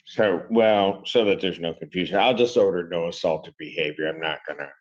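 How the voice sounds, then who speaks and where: A man's voice: low voice, fairly quick, dull audio. A man speaking as a judge in a courtroom recording, handling cases with formal rulings and informal asides. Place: courtroom with video link.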